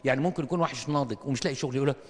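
A man with an Egyptian accent preaching a lively sermon, acting out little scenes and firing rhetorical questions at his listeners. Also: mid-range voice, rapid-fire. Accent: Egyptian Arabic. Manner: animated, acts out little dialogues, rhetorical questions. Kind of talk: comic sermon to an audience. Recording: long reverb of a hall.

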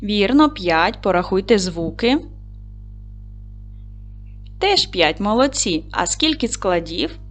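A woman teaching a video lesson to young schoolchildren, dictating clearly and guiding them step by step. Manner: slow, clear dictating tone with lively pitch.

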